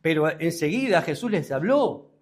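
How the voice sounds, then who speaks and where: Rioplatense male pastor, high voice, sermon with sudden rises and questions to the congregation. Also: sing-song, normal speed. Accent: Rioplatense Spanish. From Uruguay. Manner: preaching with sudden rises in pitch and loudness, asking the congregation questions.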